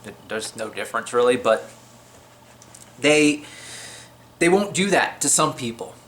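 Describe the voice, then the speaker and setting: Man of ordinary pitch, slightly shaky voice, casual off-the-cuff faith talk to camera. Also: animated, measured pace, fairly bright tone, slight background noise. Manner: chatty, unscripted, with many fillers and restarts.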